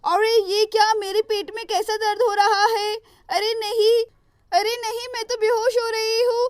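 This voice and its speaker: A woman's voice: very high-pitched, little pitch movement, a little slow, dry recording, clean studio sound. A woman voicing a young pregnant woman in pain in a cartoon story, whimpering and begging for help. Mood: pleading. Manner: whimpering, pleading speech.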